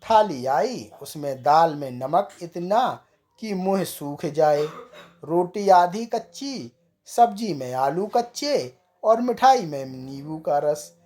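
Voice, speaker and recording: Slow, chuckling comic storyteller. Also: medium pitch, expressive, mellow.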